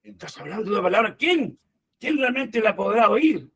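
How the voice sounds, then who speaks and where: A man preaching a sermon in an animated way, often calling his listeners brothers. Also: high voice, moderate pace, slightly rough.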